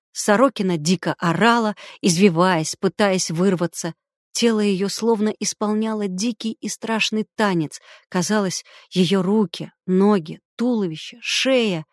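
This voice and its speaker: A woman reading a crime novel aloud in a measured, even storytelling voice, recorded on a close studio mic. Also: mid-range voice, no echo. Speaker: audiobook narrator. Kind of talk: scripted narration of a crime novel.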